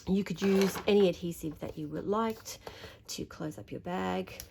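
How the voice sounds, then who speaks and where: An Australian woman with a slightly croaky voice, talking through a papercraft tutorial while she folds and trims, chatty and thinking aloud. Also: fairly low pitch, moderate pace, noisy background. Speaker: papercraft demonstrator. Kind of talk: craft tutorial narration.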